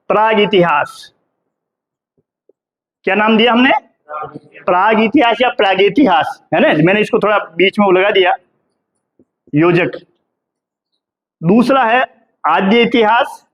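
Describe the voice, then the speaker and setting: Man, high pitch, from India, middle-aged, history professor, classroom lecture, questions the students, keeps adding "hai na". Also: dull audio. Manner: asks the class questions and answers them himself.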